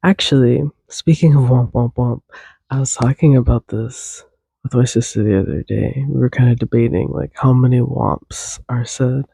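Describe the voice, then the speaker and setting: Mid-range, gravelly, and mellow with a breathy edge, the voice moves at a moderate pace with no room sound. It belongs to a young man hosting his own podcast, slightly congested, rambling casually, wandering off on tangents, and humming and singing tunes.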